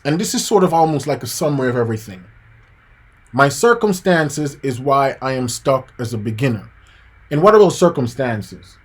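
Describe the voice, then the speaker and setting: Here a Jamaican piano teacher in his thirties runs a motivational live-stream lesson, his mid-range voice lively in intonation, normal in speed and edged with breathiness. Casual and somewhat preachy, he refers to viewers as "guys" and "man" and restates his key points.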